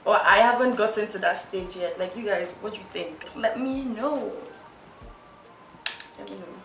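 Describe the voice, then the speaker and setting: A woman's voice: medium pitch, moderate pace, fairly bright tone, a little hiss or hum. A young woman from Nigeria, chatting and giggling through a makeup tutorial vlog, teasing herself as she goes. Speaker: beauty vlogger. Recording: roomy echo, faint music.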